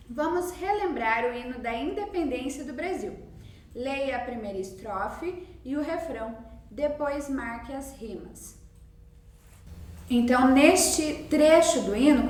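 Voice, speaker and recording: Slow, high-voiced Brazilian teacher in a roomy space. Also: female voice. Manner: slow, patient explaining with many repetitions. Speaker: primary school teacher. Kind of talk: recorded remote lesson for young children. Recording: roomy sound, mic at a distance.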